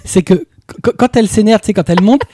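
A man's voice: high-pitched, fast talker, dark tone, dry recording, clean studio sound. A man on a casual panel chat, full of joking, provocative banter.

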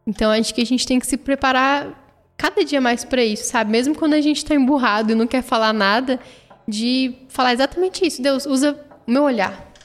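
A woman's voice: high voice, a little fast. A woman telling a personal faith testimony in an earnest, emotional way. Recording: long reverb, soft music behind.

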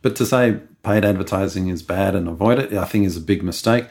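A man's voice: low voice, a little fast. A middle-aged man co-hosting a casual podcast, talking in an opinionated, conversational way. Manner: opinionated, conversational, animated asides. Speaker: podcast co-host.

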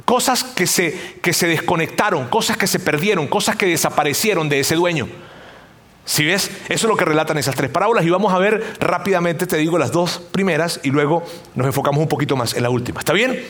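A man's voice: fairly high pitch, a little fast, a bit bright. A middle-aged man, preaching a conversational sermon and acting out the voices of people in his examples. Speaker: pastor.

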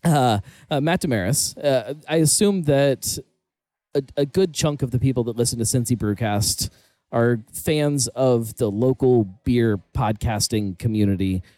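A man's voice: mid-range voice, measured pace, dark tone, no echo. A man hosting a podcast in a casual, rambling, jokey chat. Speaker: podcast host. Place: table in the corner of a brewery tap room.

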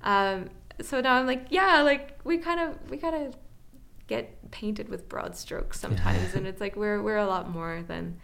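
A woman's voice: mid-range voice, very animated, measured pace, gravelly, fairly bright tone. A woman from Northern Alberta answering interview questions casually about her solar project, with lots of fillers and restarts. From Northern Alberta, Canada. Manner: chatty, many fillers and restarts.

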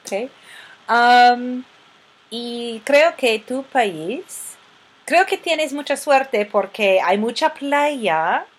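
A woman hosting a language-learning podcast, asking interview questions in a slow, clear, measured way with frequent hesitations. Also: a little high, lively intonation. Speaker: podcast host.

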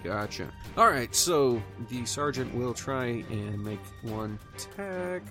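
A man's voice: mid-range voice, animated, slow, music in the background. A man running a tabletop game as game master, chatty, with frequent laughs.

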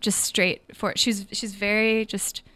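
A woman's voice: mid-range voice, little pitch movement, slow pace, sharp tone, no echo. Chatty young Minnesotan woman. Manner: chatty, laughs often, trails off with fillers. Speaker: guest artist. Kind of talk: casual interview conversation.

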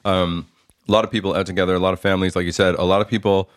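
A man's voice: low voice, little pitch movement, very fast, dry recording, clean studio sound. A man, co-hosting a casual chat podcast, joking and talking between bites of food. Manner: joking, talks while eating. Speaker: podcast co-host.

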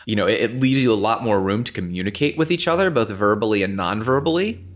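A man with a fairly low voice co-hosts a podcast. He talks casually and loosely, with plenty of fillers and restarts. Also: fast. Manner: relaxed, rambling, many fillers. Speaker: podcast co-host.

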